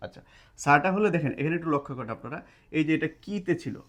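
A man's voice: on the high side, animated, very fast, a bit bright. A man teaching casually at a board, explaining step by step and checking in often with his listeners. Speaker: language teacher. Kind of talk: casual spoken lesson at a board. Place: indoors, classroom or study room at a board. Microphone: camera mic while writing on a board.

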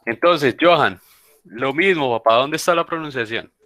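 A man's voice: mid-range voice, expressive, moderate pace, sharp tone, no room sound. A man teaching an online English class, speaking informally and insistently and repeating his points. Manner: informal, calls students "papá", insistent repeating. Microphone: video call.

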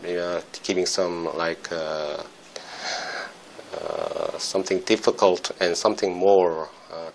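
A man's voice: low voice, a little hiss or hum, rough recording. A man in his forties, a spine surgeon answering interview questions in his office, speaking hesitantly with many fillers. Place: doctor's office, indoors.

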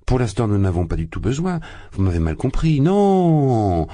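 A man's voice: mid-range voice, sing-song, moderate pace, warm tone, no echo, studio quality, pitched above the performer's own voice, lightly acted. A man voicing a sly, affable magistrate who talks with chatty, feigned good humor. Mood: jovial. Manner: jovial, chatty, feigned bonhomie. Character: affable sly middle-aged male magistrate.

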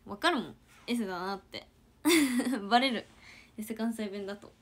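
Woman w chatting on a stream, answers comments, chatty, drops to soft little asides. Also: medium pitch, moderate pace. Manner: chatty, talks back to viewer comments, soft murmured asides. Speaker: idol trainee livestreamer. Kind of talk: casual livestream chat to viewers.

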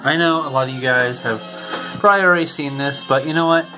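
A young man talks casually at home, rambling and restarting as he comments on records. His voice sits in a middle register. Loud record music plays behind him the whole time. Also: medium pitch, low-quality recording. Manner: rambling, halting, with frequent restarts. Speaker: channel host. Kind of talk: casual commentary over vinyl record playback. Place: home room. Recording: music playing loudly behind the voice.

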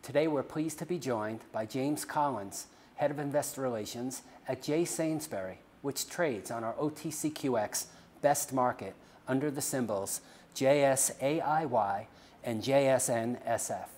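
Male corporate interviewer, polished, scripted, smooth delivery. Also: medium pitch, a little slow, a little mellow, slight background noise. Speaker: interview host. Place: studio.

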